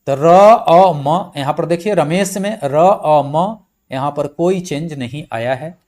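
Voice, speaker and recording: Guy teaching grammar real slow, patient, voice a bit on the high side, spells out every letter. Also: a little mellow. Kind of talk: slow blackboard-style lecture.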